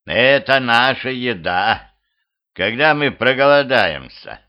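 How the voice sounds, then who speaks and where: A cold, menacing skeletal beast with a hairless wolf's muzzle, as a man puts it on growls out each word slowly. The voice sits at a middling pitch, and the home-made recording sounds muffled and lo-fi. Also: animated. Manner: slow, growled delivery.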